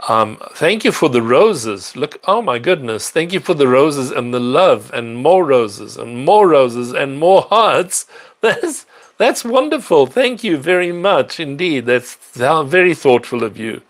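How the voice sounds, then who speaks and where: A man's voice: fairly high pitch, animated, a little slow. A middle-aged man hosting a live stream, chatting casually and answering viewer questions, rambling with fillers and restarts. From South Africa. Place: apartment in a large city.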